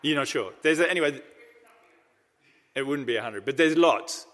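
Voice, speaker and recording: Man, preacher, conversational sermon, mid-pitched voice, long church reverb. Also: normal speed, a bit bright. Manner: conversational, explanatory, with restarts.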